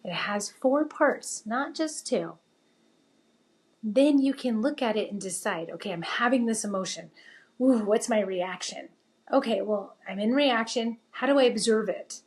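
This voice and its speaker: A middle-aged woman shares her life story with an interviewer. She speaks with a slightly high voice and keeps it animated, slipping into the voices of the people she quotes. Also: measured pace. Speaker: interview guest. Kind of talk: personal storytelling.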